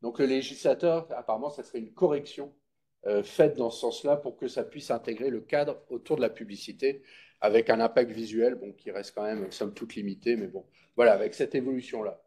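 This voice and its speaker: Brisk and mellow at a medium pitch, a man presents at a public consultation meeting. He explains things in a casual, teacherly way, checks that people follow, and takes questions.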